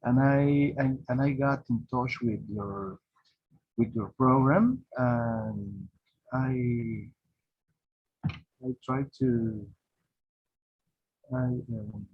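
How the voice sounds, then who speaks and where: Hesitant man, slow and breathy. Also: medium pitch, steady tone. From Peru. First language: Spanish. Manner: halting, hesitant, many restarts. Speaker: participant. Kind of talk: conversation on a video call. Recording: muffled lo-fi call audio.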